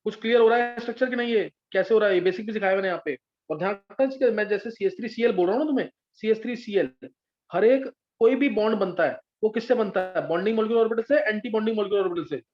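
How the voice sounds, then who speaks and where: This high-voiced man talks rapid-fire while teaching a live chemistry class, yet he's patient, breaking things into steps and often asking if his students follow. Audio is dull and lo-fi.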